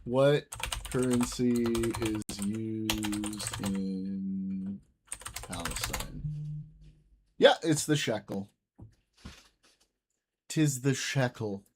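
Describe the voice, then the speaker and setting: This young livestream host speaks on the low side, very slowly and with frequent pauses, over a little hiss or hum. He reads chat and trades casual, profane banter with viewers, swearing a lot.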